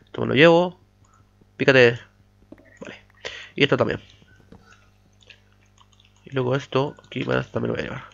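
A man's voice: medium pitch, moderate pace, gravelly, long pauses, fairly bright tone. A man giving chatty let's play commentary while mining, humming "pa pa pa" to himself. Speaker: gamer. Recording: dull lo-fi mic audio.

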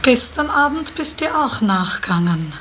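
An actress playing a scolding, bossy village innkeeper in a 1970s radio drama. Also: female voice, a little high, sing-song. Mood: scornful. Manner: scolding, bossy, quick to shout. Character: sharp-tongued village innkeeper woman. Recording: echoey, hissy 1970s radio play.

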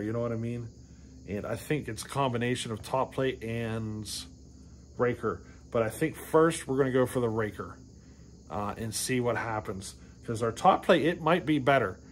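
A man's voice: medium pitch, slight background noise. A man in his forties, hosting a chainsaw channel, talks casually to the camera in his workshop, rambling and correcting himself with frequent "you know what I mean". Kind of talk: casual shop talk to camera. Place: indoor workshop garage.

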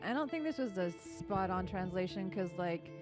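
A woman's voice: medium pitch, lively intonation, moderate pace, over loud music. A woman co-hosting a gaming stream, bantering in a playful, jokey way. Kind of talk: casual let's-play banter.

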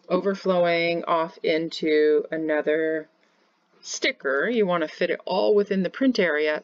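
A woman's voice: fairly low pitch, dry recording, highs cut off. A woman in her forties, from Kansas, giving a plain step-by-step screen-share tutorial from home as a home bakery teacher. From Kansas, United States. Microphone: webcam in corner of screen share.

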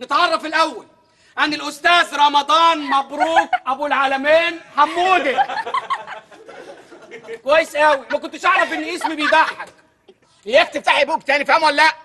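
An actor playing a loud, bossy, old-fashioned male Arabic teacher who scolds in a comically indignant way. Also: very high voice, steady tone, a little fast, long pauses, slight background noise, exaggerated voice. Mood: scolding. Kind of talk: comedy film acting.

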